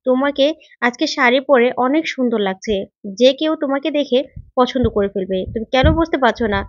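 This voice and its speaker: A woman voicing a stern, quick-tempered young male tutor who scolds with sharp questions. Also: high-pitched, no room sound, close to an everyday voice. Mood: scolding. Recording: dull, lo-fi recording.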